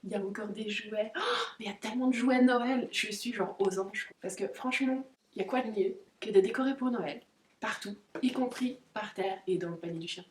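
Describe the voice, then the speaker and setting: A woman's voice: medium pitch, a little fast, slight background noise. Chatty woman in a roomy room. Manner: chatty and excitable, giggly, talks to her dogs. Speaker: pet vlogger. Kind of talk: casual unboxing chat. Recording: roomy, distant camera audio.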